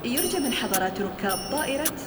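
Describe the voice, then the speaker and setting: A woman airport announcer reading formal, scripted boarding calls in measured, segmented phrases. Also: a little high, expressive, roomy sound, loud music behind the voice.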